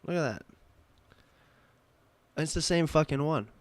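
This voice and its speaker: A man opening trading card packs and ranting angrily with constant profanity, swinging between loud outbursts and low muttering. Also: lively intonation, unhurried, dry recording. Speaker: card-opening channel host. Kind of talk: ranting booster pack opening.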